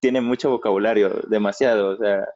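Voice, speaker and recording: A man's voice: on the low side, steady tone, fairly quick, darkish tone. Friendly Guatemalan man on a muffled call. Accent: Guatemalan Spanish. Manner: friendly, laughs often, reassuring. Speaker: program participant. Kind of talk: casual video call chat. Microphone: video call.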